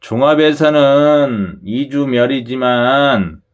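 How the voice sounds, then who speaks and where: Here the lottery channel host takes it slowly, his mid-range voice carrying a regional Korean dialect. He chats with viewers and repeatedly tosses out "그죠?" to get them to agree.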